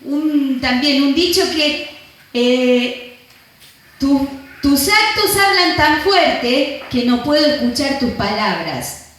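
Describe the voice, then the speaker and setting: A woman pastor with an Argentine accent preaches to her congregation in a high voice. She tells stories and acts out what others said. Her voice rings through a very echoey church room. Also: a bit bright. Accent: Argentine Rioplatense. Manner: storytelling, acting out quotes. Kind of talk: sermon.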